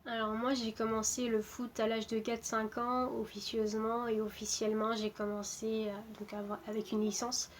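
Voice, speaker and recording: A woman in her twenties, from Portugal, talks casually about herself as a footballer. Her delivery is hesitant and even, with little rise and fall and many filler sounds. A faint ambient hiss sits behind her. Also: a little high, moderate pace, few pauses. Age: 20s. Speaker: footballer interviewed. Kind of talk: casual self-introduction to camera.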